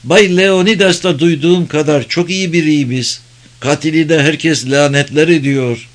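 A man voicing an aging, warm-hearted tavern keeper who speaks in a fatherly, sighing way. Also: fairly high pitch, normal speed, pitched above the performer's own voice, lightly acted.

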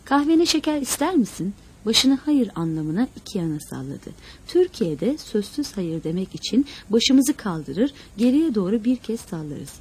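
A woman narrating a novel in an expressive storytelling manner. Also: medium pitch, a little slow, a little hiss or hum. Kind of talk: scripted audiobook narration.

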